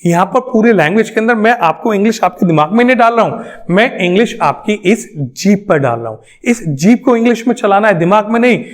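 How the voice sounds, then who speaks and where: A man's voice: high voice, expressive, fairly quick. A male English trainer, lecturing a class emphatically and answering his own questions. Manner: emphatic, repeats points, asks questions then answers them.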